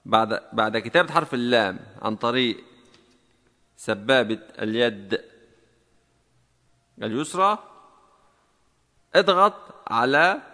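A male teacher guides a typing lesson step by step, slow and deliberate, often repeating the key combinations. His mid-range voice is bright and forceful, and a long reverb trails each phrase.

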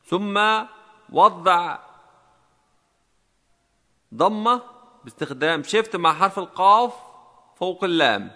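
A male teacher walks through a typing lesson one step at a time, slow and deliberate, often repeating the key combinations. His voice is bright and forceful, with a long reverb trailing each phrase. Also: high-pitched, expressive.

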